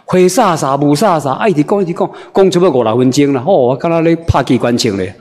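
A male preacher, telling a humorous story in a sermon in an animated, conversational way, full of "ah" and "oh" fillers. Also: a little high, quick pace, big-room sound.

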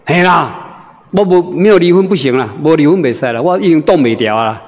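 Man putting on a middle-aged wife's voice, high-pitched, insistent, repetitive, indignant, long hall echo. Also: lively intonation. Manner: insistent, repeats phrases, drawn-out "la" endings. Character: talkative middle-aged wife, stubborn and indignant.

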